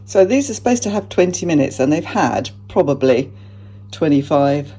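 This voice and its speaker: A woman's voice: sits low, expressive, normal speed, warm tone, a little hiss or hum. A woman chatting casually as she bakes and tastes muffins in her home kitchen, talking to viewers in a self-mocking way. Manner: chatty, self-mocking, talks while baking and tasting. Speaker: vlogger.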